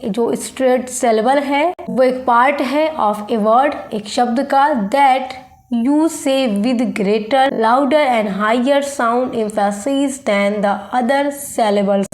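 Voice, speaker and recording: A woman teacher going over exam questions, explaining each point in English and then again in Hindi, reading definitions slowly. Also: high voice, darkish tone. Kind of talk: exam-prep lesson in Hindi mixed with English.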